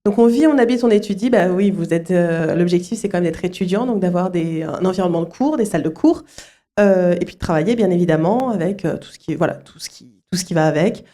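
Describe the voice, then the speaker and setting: Woman, middle-aged, school director, warm mellow tone, hesitant, lots of fillers. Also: fairly low pitch, fast. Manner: hesitant, many fillers and restarts. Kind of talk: interview answers at a student fair.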